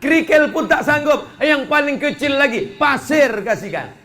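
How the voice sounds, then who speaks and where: A male preacher delivers a joking sermon in a mosque. His voice sits high and sounds bright and forceful. He swings between slow, weighty phrases and quick, teasing asides, and now and then he shouts. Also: expressive, faint music behind. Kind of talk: humorous sermon to a mosque congregation.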